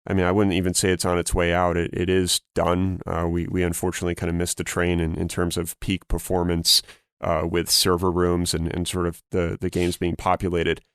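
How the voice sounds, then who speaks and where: A man's voice: deep voice, completely flat delivery, a little fast, clear, resonant tone, no echo. A man in his thirties co-hosting a gaming podcast, chatting casually and laughing easily. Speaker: podcast co-host. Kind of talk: casual chat.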